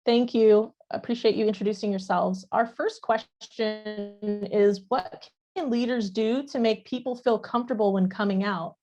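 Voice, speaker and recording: A woman's voice: mid-range voice, steady tone, moderate pace, dark tone, faint music behind. A woman facilitating an online training session and moderating a student panel, friendly and informal. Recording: dull, muffled online call audio.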